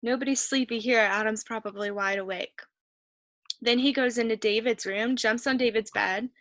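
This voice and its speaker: A woman teacher's voice, a little high and fairly bright, stays fairly even in intonation at normal speed, with no room sound. She is patiently working through a reading worksheet for a comprehension lesson, encouraging students and reasoning aloud as she checks the text.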